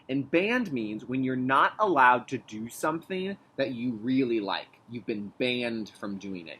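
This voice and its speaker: This man teaches kindergartners in a read-aloud lesson, his voice medium in pitch. He reads expressively and with emphasis, then explains things plainly with check-in questions, over slight background noise.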